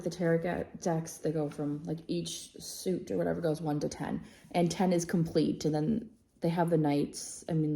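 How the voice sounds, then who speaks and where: A woman's voice: low voice, vocal fry, warm tone, echoey room. A woman giving a casual tarot reading to camera, chatty and rambling, often correcting herself and apologizing while checking her notes. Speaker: tarot reader.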